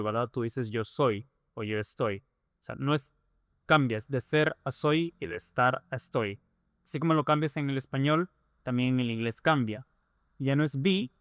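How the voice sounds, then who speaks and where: A man's voice: medium pitch, a bit bright, dry recording, clean studio sound. A man teaching a lesson, explaining patiently and repeating points through rhetorical questions. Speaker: English teacher.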